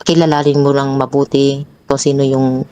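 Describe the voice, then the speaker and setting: A young woman telling her own troubling story as a guest, growing animated and restarting often as she recounts arguments. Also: normal speed, no room sound. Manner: animated, pitch jumps high when retelling arguments; frequent restarts and repeated words. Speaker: guest sharing a personal story. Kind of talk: emotional personal storytelling.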